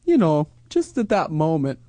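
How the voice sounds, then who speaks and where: A woman's voice: low voice, big pitch swings, moderate pace, dark tone, no echo. A woman co-hosting a comedy podcast, giggly and playful as she banters in character. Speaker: podcast co-host.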